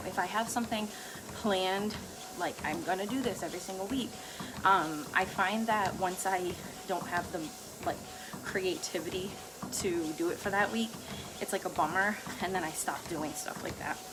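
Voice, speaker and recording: A woman's voice: medium pitch, noisy background. A woman talking casually and ramblingly to herself as a vlogger while walking on a treadmill, often breaking into light chuckles. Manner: laughs lightly between phrases. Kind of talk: casual rambling solo talk.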